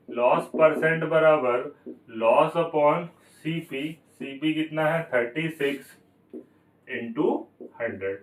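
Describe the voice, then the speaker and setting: A man's voice: a little high, roomy sound, distant mic, rough recording. A man teaching a maths lesson for exam prep, asking questions and answering them himself, going step by step. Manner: explains step by step, repeats key numbers.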